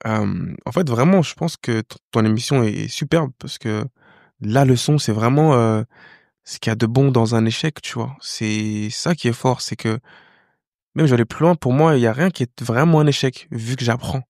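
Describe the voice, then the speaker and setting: A young man with a gravelly edge to his voice, talking loosely and full of slang as he thinks aloud. He restarts and repeats words, and the close, dry studio sound puts him right at the mic. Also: medium pitch, normal speed, a little mellow, no echo. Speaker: singer and guest. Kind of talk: casual interview chat.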